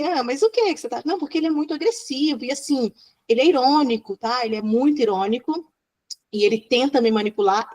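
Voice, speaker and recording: A middle-aged woman talks in a fairly high voice. She is a child psychologist who tells her stories with lots of energy, acting out each voice she quotes, and she laughs often. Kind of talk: animated storytelling in a podcast interview.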